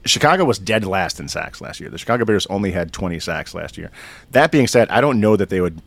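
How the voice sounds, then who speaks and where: Deep-voiced man, measured analysis. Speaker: podcast co-host. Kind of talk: casual sports analysis.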